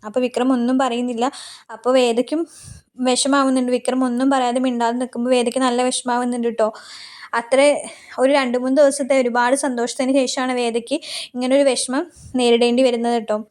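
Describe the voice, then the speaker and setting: A woman's voice: fairly high pitch, level tone, a little fast, a little mellow. A woman retelling a television serial's plot in a casual, chatty way, tagging many sentences with a "you know?" check to her listener. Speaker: serial episode recapper.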